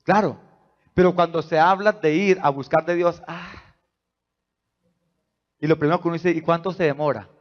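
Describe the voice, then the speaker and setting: A male pastor preaching a sermon, asking the congregation rhetorical questions and swinging between soft asides and loud, rising emphasis. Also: on the high side, steady tone, moderate pace, long pauses. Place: church. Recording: dull lo-fi church recording.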